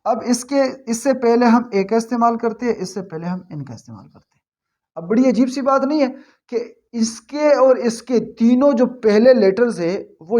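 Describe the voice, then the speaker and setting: A man's voice: high-pitched, warm tone. A man teaching a grammar lesson, who explains patiently, repeats his points and checks that his students follow.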